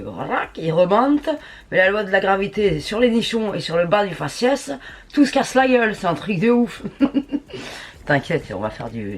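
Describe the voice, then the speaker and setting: This beauty vlogger speaks in a lowish, breathy voice during a relaxed makeup tutorial chat at home. She tests products while throwing around crude slang and poking fun at herself.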